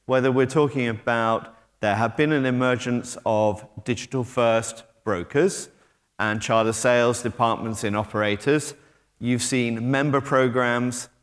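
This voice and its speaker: In a conference hall with long reverb, a middle-aged British tech company head delivers his keynote in a mid-range voice. He roams the stage on a stage mic, chatting casually with frequent ums and restarts.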